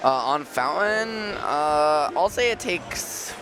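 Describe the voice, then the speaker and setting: A man's voice: a little high, expressive, takes it slowly, music in the background. A man commentating a live esports match with play-by-play and banter, with a speech impediment on his R sounds.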